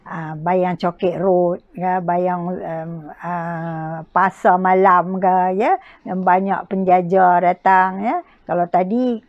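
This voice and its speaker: A Malaysian woman lectures informally as an instructor, at a slow, halting pace with many pauses. Her pitch is average for a woman. The recording is dry and a little dull. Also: steady tone, no room sound. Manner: halting, with frequent pauses and checking tags. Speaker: poetry recitation instructor. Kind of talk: informal spoken lecture with examples.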